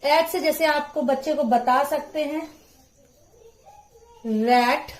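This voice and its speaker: A woman giving a patient phonics lesson, sounding out syllables slowly for parents and teachers to repeat to children. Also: high voice, steady tone.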